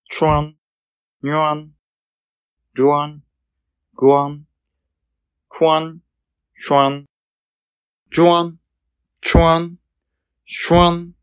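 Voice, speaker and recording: A man slowly reading syllables aloud, one at a time, to show typical learner errors. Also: fairly high pitch, smooth, dry recording, studio quality. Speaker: demonstrator of common learner errors. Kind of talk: slow syllable demonstration.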